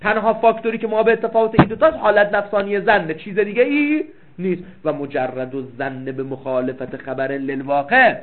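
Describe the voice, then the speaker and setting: A man gives a seminary lecture in a high voice, reading Arabic passages aloud and breaking them down with his own questions. He repeats key phrases to drive a point home. The recording is thin and phone-like. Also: very noisy. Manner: explains with rhetorical questions and reads out Arabic text. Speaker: seminary teacher. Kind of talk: classroom lecture.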